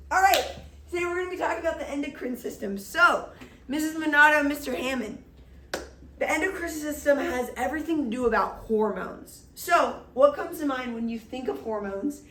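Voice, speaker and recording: An energetic woman teacher giving an upbeat, chatty classroom lecture. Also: high-pitched, far from the mic, a little hiss or hum. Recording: echoey room.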